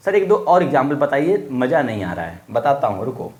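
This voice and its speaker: A man's voice: mid-range voice, sing-song, a little fast, darkish tone. A man teaching a Hindi grammar lesson in a casual, friendly manner, asking questions and repeating words for drill. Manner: casual, friendly classroom talk. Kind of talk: online class lesson.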